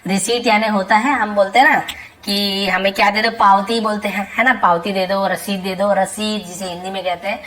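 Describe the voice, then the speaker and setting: A woman teaching English reading, saying each English phrase slowly and then explaining it quickly in Hindi with lots of repetition. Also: medium pitch, fairly even intonation, a bit bright, rough recording. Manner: repeats phrases and checks with "theek hai". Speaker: English tutor.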